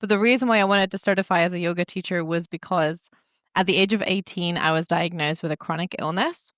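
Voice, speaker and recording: A woman's voice: lowish voice, a little fast, a bit bright, no echo, highs cut off. A woman in her thirties, born in Poland and raised in England, answering interview questions as a guest in an open, reflective way. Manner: reflective, open storytelling with small laughs. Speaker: guest, yoga teacher and wellness coach. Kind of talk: interview answers, personal story.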